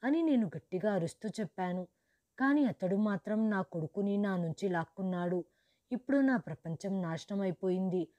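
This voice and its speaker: A woman narrating a storybook in the first person as a grieving, widowed mother who lost her wealth, in a steady, measured reading. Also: mid-range voice, dry recording, muffled recording, close to an everyday voice. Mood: sorrowful.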